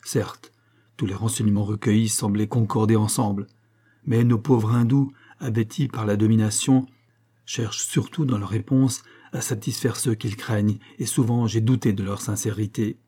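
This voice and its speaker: A man voicing an impatient, anguished young Frenchman who speaks with passion in a dark, husky voice. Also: on the low side, fairly even intonation, normal speed. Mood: troubled.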